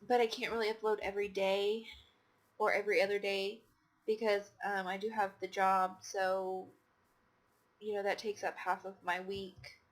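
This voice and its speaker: A woman's voice: mid-range voice, flat delivery, moderate pace. A tired woman casually commenting on her game play, rambling with many fillers and restarts. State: tired, yawning. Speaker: gaming channel host.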